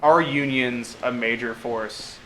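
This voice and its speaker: Tipsy, swearing man with bright voice. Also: medium pitch, steady tone, slow pace, a little hiss or hum, rough recording. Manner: swears freely, joking and upbeat. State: tipsy from drinking. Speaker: let's play host playing the game. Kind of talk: casual gaming chat.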